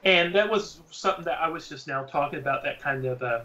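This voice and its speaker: A man's voice: on the high side, fairly quick, pushed and bright, poor audio. A man on a video call joining a live-stream chat, teasing the others and stammering as he starts his sentences.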